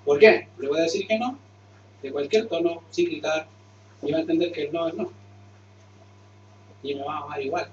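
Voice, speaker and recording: The pastor, his voice slightly high for a man, preaches conversationally at a moderate pace with frequent pauses, raising questions and answering them himself before a closing prayer. He is far from the mic in a spacious hall, so the sound is muffled, with faint ambience and a little background noise.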